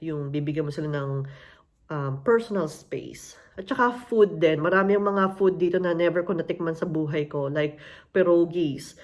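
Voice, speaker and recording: A woman's voice: low-pitched, moderate pace, a little mellow. A Filipino woman with a Filipino accent, telling her story in a casual, conversational way and slipping English phrases into her talk. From Philippines. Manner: conversational, mixes in English phrases, acts out other people's voices. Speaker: interviewee sharing her immigrant story.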